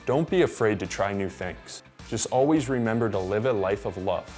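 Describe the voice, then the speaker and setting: Male host narrator, low voice, steady scripted delivery. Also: moderate pace, soft background music. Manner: even, earnest voice-over.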